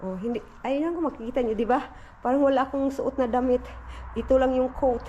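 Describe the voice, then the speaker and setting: A Filipino family vlogger chats casually to her viewers at home, indoors, calling them "Day" and cooing baby talk at a small child. Her voice is high-pitched, brisk and warm with a Filipino accent. The audio is dull, with slight background noise.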